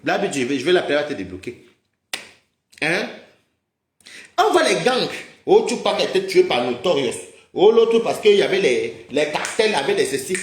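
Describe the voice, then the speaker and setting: A man's voice: fairly high pitch, big pitch swings, normal speed, pauses often, slight background noise. An agitated man hosting a livestream, scolding and mocking his viewers in a heated rant and calling them maman. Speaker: livestream host. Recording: roomy echoey sound.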